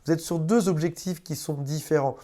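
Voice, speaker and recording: A man's voice: a little high, moderate pace, warm tone. A man speaking as a relationship coach, giving advice straight to camera in a conversational way, addressing the viewer informally and often repeating words. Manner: conversational, repeats words, briefly acts out quoted exchanges.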